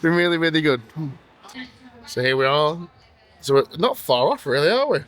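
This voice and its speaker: A man's voice: fairly high pitch, very animated, moderate pace, a bit bright. A tired man hosting a casual travel vlog, chatty, jokey and rambling. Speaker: vlog host.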